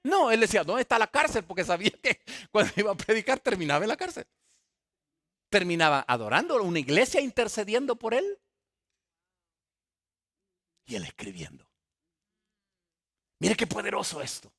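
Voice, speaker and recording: High, lively-voiced man preaching. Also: normal speed, pauses often. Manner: animated preaching with rhetorical questions and acted dialogue. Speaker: pastor. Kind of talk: sermon.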